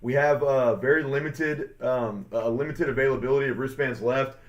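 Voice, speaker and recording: A man co-hosts a sports podcast in loose, casual chat. He rambles, leans on fillers and hypes the listeners up. His voice sits at a middle pitch and comes through a dull, lo-fi recording. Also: normal speed. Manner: rambling, filler-heavy, upbeat hype. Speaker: podcast co-host. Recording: dull lo-fi sound.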